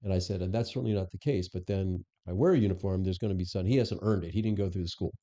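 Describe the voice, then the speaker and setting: Mellow-voiced man telling stories. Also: deep voice, very fast, highs cut off. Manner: anecdotal, acts out quoted dialogue. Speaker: interview guest, former police superintendent. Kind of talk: conversational storytelling.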